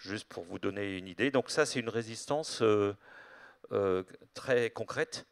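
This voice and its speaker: A man with a fairly low, gravelly edge to his voice hosts a literary interview. He is hesitant and meandering, pausing often, and sounds close and dry. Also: no echo. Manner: hesitant, meandering, with many filled pauses. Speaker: interviewer, event host.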